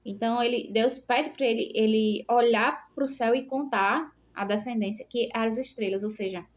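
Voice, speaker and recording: A woman's voice: a little high, fairly even intonation, normal speed. Woman explaining Bible passages casually. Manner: frequent fillers and tag questions. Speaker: Bible teacher. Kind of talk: informal Bible study reading and explanation.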